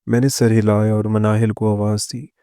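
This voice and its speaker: A man narrating a first-person moral story with a steady, even reading. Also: lowish voice, clean tone, no echo, clean studio sound.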